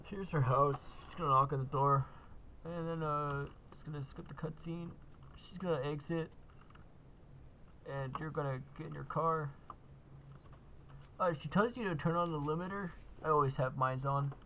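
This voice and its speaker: Gravelly guy talking through a game, slightly high voice, loose and casual with lots of uhs. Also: steady tone, normal speed, pauses often, pushed and bright, a little hiss or hum. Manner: laid-back, lots of uh and kinda. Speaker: gaming video host. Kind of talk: casual gameplay walkthrough.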